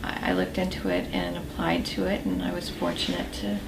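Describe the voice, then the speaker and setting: Gravelly lady vet, measured and hesitant, far from mic in echoey noisy room. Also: sits low, very animated. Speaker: air force veteran. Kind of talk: interview testimony.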